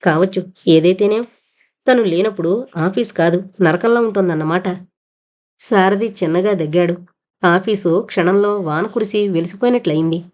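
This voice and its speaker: Mellow-voiced woman reading a novel. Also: on the low side, normal speed. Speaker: narrator.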